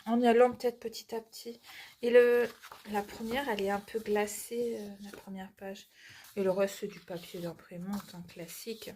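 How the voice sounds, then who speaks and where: A woman with a stuffy nose from a cold, chatting casually through a craft unboxing and often dropping to a soft murmur. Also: medium pitch, steady tone, normal speed, a little hiss or hum. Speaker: cross-stitch vlogger.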